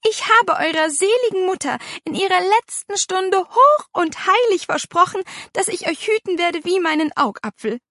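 A woman's voice: high-pitched, very animated, normal speed, bright, forceful tone, dry recording, clean studio sound, voice pushed up, full character voice. A woman doing a stern, worried aunt. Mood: solemn. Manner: insistent and scolding.

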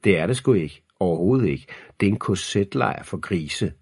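Deep husky male audiobook narrator. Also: animated, a little mellow, no room sound, clean studio sound. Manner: measured, ominous storytelling.

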